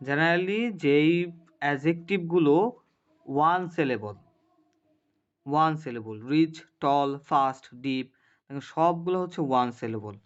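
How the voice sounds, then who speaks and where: A male teacher leads a grammar class, slowly drilling word lists and often checking that the students follow. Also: a little high, clear, resonant tone. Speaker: English teacher. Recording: muffled lo-fi classroom recording.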